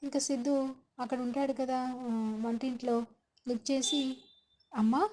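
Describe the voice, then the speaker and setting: A woman retelling a TV serial episode as a story, linking scenes with quick connecting phrases. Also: high voice, level tone, a little mellow, slight background noise, rough recording. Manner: fast retelling with frequent linking fillers. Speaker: serial recap narrator.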